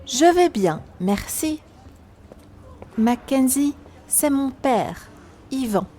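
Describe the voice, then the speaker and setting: A man voicing a friendly young French man in a scripted language-lesson dialogue, with slow, carefully enunciated phrases. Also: very high voice, animated, dark tone, a little hiss or hum, full character voice.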